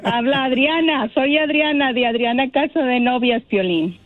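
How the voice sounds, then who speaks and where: A woman's voice: high voice, moderate pace. A woman, calling in to a radio show as a guest, chatting cheerfully and laughing often. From born in Texas, raised in northern Mexico. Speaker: phone-in guest, bridal shop owner. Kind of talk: casual radio interview. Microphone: telephone. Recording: tinny phone line.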